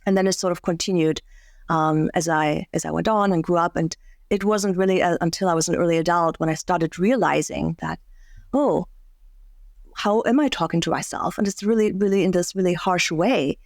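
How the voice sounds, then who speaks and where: A woman's voice: on the low side, moderate pace, vocal fry, no echo. A woman from Germany, a career and life coach, talking reflectively as a podcast guest, with many restarts and fillers.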